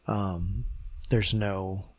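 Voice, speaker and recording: A man hosts a casual podcast in a nasal, stuffed-up voice. His pitch sits fairly low, and the sound is close and dry. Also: steady tone, very slow, no echo. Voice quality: nasal, congested voice. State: congested. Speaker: podcast host.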